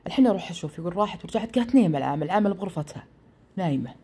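A woman races through a spooky story at a breakneck clip. Her voice is low, mellow and a little husky. She keeps interrupting herself to say that he says it. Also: animated, very fast. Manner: breathless, repetitive retelling that keeps repeating "he says". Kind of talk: retelling a horror story.

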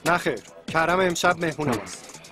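A man's voice: a little high, lively intonation, over music, lightly acted. A man dubbing a stern male police captain who scolds and gives orders. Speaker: police officer. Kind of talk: dubbed TV drama dialogue.

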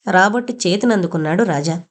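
A woman's voice: lowish voice, brisk. A woman reading an audio novel aloud, narrating and voicing every character herself with small shifts in her voice.

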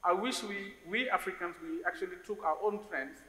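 A man's voice: high voice, a little fast, bright, forceful tone. A Senegalese man in his forties, an investor on a conference panel, speaking thoughtfully and often repeating words as he searches for the next phrase. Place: large conference hall stage. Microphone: stage microphone on a stand. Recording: roomy hall reverb with faint hiss.

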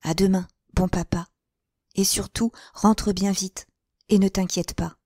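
A woman voicing a gentle, distressed young noblewoman in an audiobook, speaking softly and pleadingly. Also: mid-range voice, fairly even intonation, unhurried, dry recording, studio quality. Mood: tender. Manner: soft, faint and pleading. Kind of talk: audiobook character reading.

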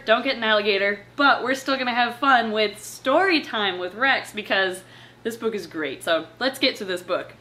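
Chatting casually from her living room couch, a young woman who hosts a reptile channel comes across expressive and playful, her voice a little high. She mixes relaxed presenting with passages read aloud, and the clear recording picks up some background room noise.

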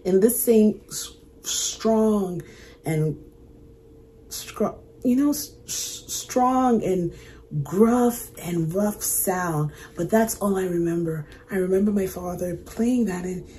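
A woman hosting a music reaction video, talking in an earnest, reflective way with halting restarts, emotional and choked up. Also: on the low side, mellow, a little hiss or hum. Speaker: music reaction channel host. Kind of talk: casual reaction commentary.

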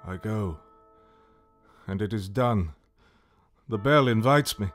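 A man's voice: fairly low pitch, slow, fairly bright tone, faint music behind. An actor playing Macbeth, a tormented nobleman turned murderer, declaiming Shakespearean verse in a classical radio drama. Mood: grim, haunted. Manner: brooding, theatrical declamation.

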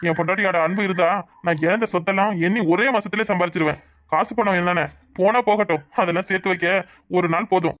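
A man's voice: sits high, steady tone, fast talker, a bit bright, no room sound. A man voicing a proud, devoted young husband who speaks earnestly and makes speeches. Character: proud devoted young husband, brave about being broke.

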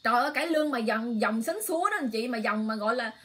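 A woman hosts an emotional political livestream, exclaiming often and addressing her viewers directly with heated passion. Her voice is a little high and fairly bright, and she speaks quickly.

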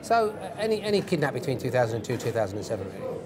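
A British man in his fifties speaks quickly as an interview guest, explaining in an instructive way. His pitch is ordinary for a man and he stresses points by repeating them. A clear murmur of a crowd sits behind him. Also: sing-song. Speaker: interview guest, former police hostage negotiator. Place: indoor event interview stage.

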